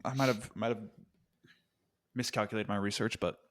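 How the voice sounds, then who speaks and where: A man co-hosting a casual wrestling podcast, relaxed and opinionated, talking in quick bursts. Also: lowish voice. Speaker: podcast co-host. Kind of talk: casual sports podcast chat.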